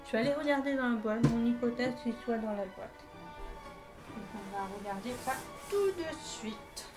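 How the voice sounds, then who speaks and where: A woman's voice: a little high, moderate pace, music in the background, low-quality recording. A woman talking through her finished puzzles in a casual vlog, hesitant, with many filler sounds and restarts. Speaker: puzzle vlogger.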